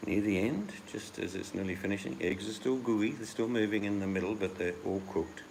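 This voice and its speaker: A man's voice: low voice, gravelly, noisy background. A man from the United Kingdom chatting casually and rambling as host, acting out the voices he quotes. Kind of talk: casual chat.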